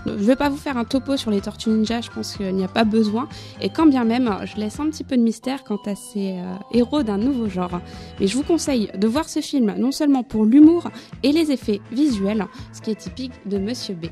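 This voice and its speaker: A woman presenting a film review on the radio with a lively, read-aloud delivery. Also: a little high, a little fast, faint music behind. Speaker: film columnist.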